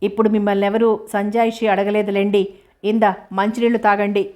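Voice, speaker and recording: A gentle, shy young nurse, read by a woman narrator in a storybook reading. Soft and caring, with an even, level voice that barely rises or falls. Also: mid-range voice, a little fast, lightly acted.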